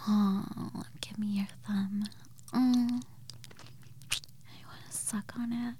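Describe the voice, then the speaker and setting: A woman in an intimate whispered audio roleplay, speaking in a soft, breathy whisper with frequent playful giggles. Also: mid-range voice, steady tone, slow, slight background noise.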